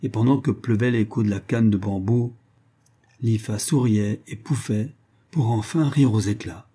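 A man reads literary fiction aloud in a measured, even manner. His voice is low and very dark, with a husky grain to it. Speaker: narrator. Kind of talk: audiobook narration.

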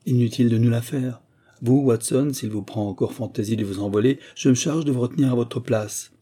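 A man voicing a burly, menacing male visitor in an audiobook reading, gruff and blustering. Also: medium pitch, a little fast, dark tone, natural voice.

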